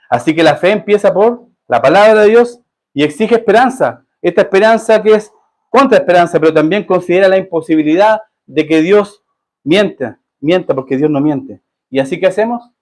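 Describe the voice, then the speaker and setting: A pastor preaching to his congregation in a church sanctuary, his voice sitting a little high for a man. He talks in a conversational way and keeps asking his listeners questions. When he reads scripture he slows down and leans into the key words. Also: a little mellow. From Chile. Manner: reads scripture verses slowly with rising emphasis. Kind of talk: sermon.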